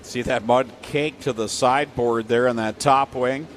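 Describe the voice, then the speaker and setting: A man's voice: mid-range voice, fairly even intonation, unhurried. A man giving motorsport play-by-play commentary as a race announcer with a projected delivery. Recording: noisy outdoor trackside with vehicle engines. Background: race cars and outdoor ambience.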